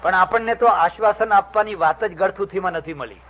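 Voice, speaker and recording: A man's voice: high voice, a little fast, a bit bright. An older man, a swami giving a storytelling sermon who acts out the dialogue of his characters. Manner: acts out dialogue in the stories, shifting voice for each character. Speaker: swami giving a religious discourse. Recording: dull lo-fi recording.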